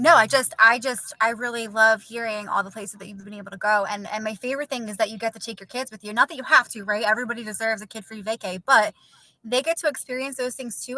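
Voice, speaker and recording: A woman speaks very quickly in a slightly high, dry-sounding voice on a video call. She has the gushing, encouraging delivery of an MLM recruiter, casual in style and full of praise. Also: sharp tone, dry recording, poor audio. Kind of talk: casual online presentation.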